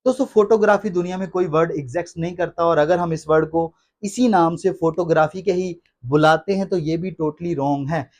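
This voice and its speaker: Guy with teaching word sounds, a bit high voice, says each word over and over. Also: darkish tone. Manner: repeats words slowly and emphatically, addresses listeners as friends. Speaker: English pronunciation teacher. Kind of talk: classroom-style explanation in Hindi.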